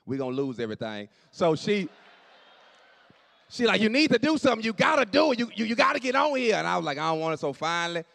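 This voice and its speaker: Guy in his late 40s doing standup, kinda high voice, swings low to loud, hall echo on it. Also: fast, creaky. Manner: animated, drops to low asides and jumps up for punchlines. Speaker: stand-up comedian. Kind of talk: stand-up comedy storytelling. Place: church hall on stage. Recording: long hall reverb.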